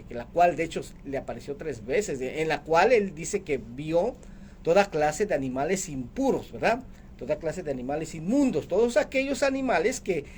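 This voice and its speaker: A man's voice: on the high side, a little mellow, a little hiss or hum. A man preaching a radio sermon as the program's host, emphatic, asking rhetorical questions and calling listeners brother.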